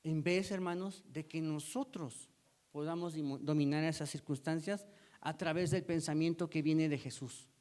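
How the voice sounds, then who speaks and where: Higher-voiced man preaching a sermon. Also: steady tone, moderate pace, darkish tone. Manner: reads scripture aloud, then explains it; addresses listeners as brothers, checks in with rhetorical questions.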